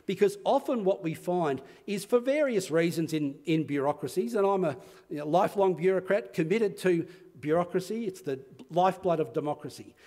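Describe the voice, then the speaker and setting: Australian guy giving a talk at a conference, kinda high voice, earnest, keeps restarting bits. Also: expressive, a little fast, dark tone, in a large hall. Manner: earnest, self-deprecating, frequent restarts. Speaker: conference speaker. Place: conference venue.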